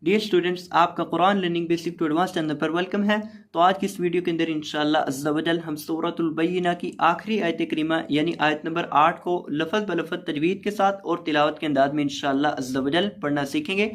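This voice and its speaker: A Quran tajweed teacher giving a word-by-word recitation lesson, spelling out letters and vowel marks and repeating each word, with slow drawn-out chanted recitation between quicker spoken explanations. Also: mid-range voice, steady tone.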